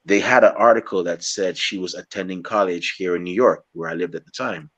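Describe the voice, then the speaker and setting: Deep-voiced man, halting casual talk. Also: a bit bright. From Guyana. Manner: rambling, halting with many restarts. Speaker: interviewer. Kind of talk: casual interview chat.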